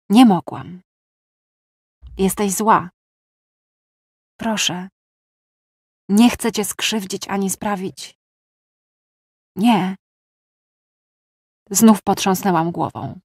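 A woman narrating a first-person story aloud in a hushed, emotional reading. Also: medium pitch, dry recording, studio quality. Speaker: audiobook reader. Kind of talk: slow emotional audiobook narration.

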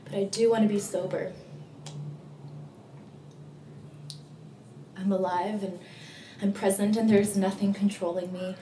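An actress plays a young woman in recovery, grieving and full of remorse, confessing in a naturalistic dramatic monologue. Her medium-pitched voice moves haltingly, with pauses. It is recorded at a distance in an echoey room. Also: flat delivery, dark tone, slight background noise, natural voice. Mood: resolute, tender. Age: young adult. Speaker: actor performing a monologue. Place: small plain room indoors.

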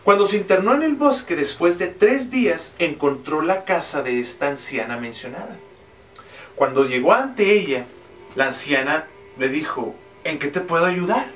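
Man, motivational storyteller, lively emphatic delivery, distant mic, faint music behind. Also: a little high, moderate pace, echoey room. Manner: repetitive, emphatic.

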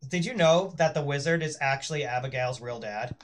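A man's voice: mid-range voice, fairly quick. A man casually chatting and joking crudely while playing a farming game with a friend. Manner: crude, joking, teasing banter. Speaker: let's play gamer. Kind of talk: casual gaming chat. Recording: noisy home recording.

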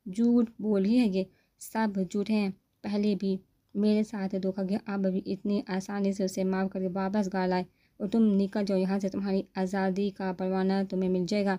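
ایک عورت کی آواز میں غصیلا، سخت مزاج جوان شوہر. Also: female voice, medium pitch, flat delivery, mellow, natural voice. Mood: accusing. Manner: harsh, commanding. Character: angry proud young husband, rude and harsh.

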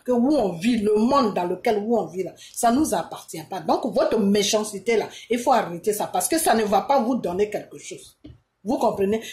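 An Ivorian woman with an Ivorian French accent giving an impassioned monologue to her viewers, emphatic and full of repeated rhetorical questions. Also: a little high. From Côte d'Ivoire. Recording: echoey room.

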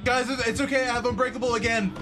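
A young man commentating his own live game stream, excitable, swinging between low mumbles and sudden yells. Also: very fast, music in the background. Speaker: gaming streamer.

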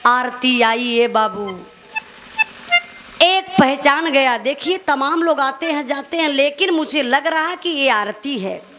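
A woman's voice: high voice, lively intonation, slow. A woman narrating a dramatic folk ballad, calling out to her listeners as brother. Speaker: folk storyteller singer.

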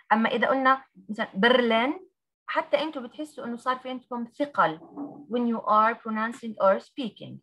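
A woman's voice: a little high, fairly bright tone. A woman, teaching English pronunciation on a video call and drilling letter by letter. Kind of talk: online class teaching.

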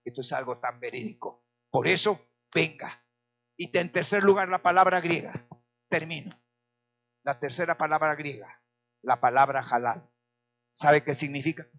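A male pastor preaching a sermon in a church, swinging between loud cries and quiet, low remarks, hoarse from shouting. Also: moderate pace, long pauses, lo-fi sound.

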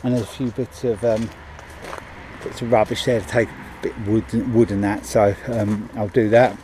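This middle-aged handyman's darkish voice sits fairly low, with a level tone and normal speed. He shows off his completed work at a driveway gate in casual, chatty narration full of ums and restarts, recorded on a body-worn action camera with a little hiss or hum.

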